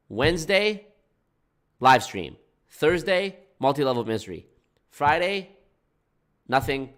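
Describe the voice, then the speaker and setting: A man's voice: mid-range voice, a bit bright. A man with a stuffed-up, blocked nose talking casually and informally to viewers as a live streamer. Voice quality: congested, blocked-nose sound. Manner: informal, swearing, folksy "y'all". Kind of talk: casual livestream chat with viewers.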